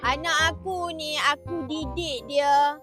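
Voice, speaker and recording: A woman's voice: high-pitched, fairly even intonation, slow pace, music in the background. A woman bantering casually as a vlog co-host, blunt and teasing. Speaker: vlog co-host and pet owner. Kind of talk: casual banter in colloquial Malay.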